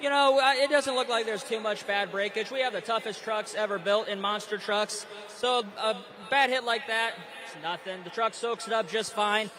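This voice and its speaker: A man's voice: high-pitched, normal speed, a crowd in the background. A man, a motorsport crew chief, giving an upbeat, reassuring live interview at trackside. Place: on the track at a stadium event.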